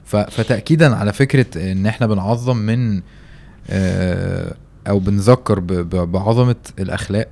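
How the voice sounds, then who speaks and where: A man's voice: fairly low pitch, a little fast, gravelly, mellow. A young man with an Egyptian Arabic accent, co-hosting a casual chat on religion in an informal way, often checking he is understood.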